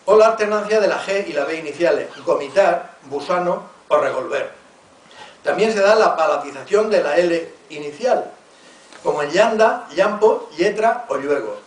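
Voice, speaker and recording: A man's voice: sits high, distant mic. Man with a Murcian accent lecturing in an echoey hall. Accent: Murcian Spanish. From Murcia region, Spain. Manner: reads word lists aloud, pauses to enunciate examples. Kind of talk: academic conference talk.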